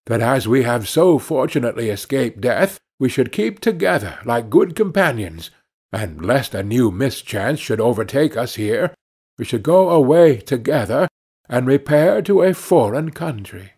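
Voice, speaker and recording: A man's voice: mid-range voice, very animated, measured pace, darkish tone, husky, full character voice. A man voicing a prudent, companionable talking bean in a storybook, formal and earnest. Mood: reasoning.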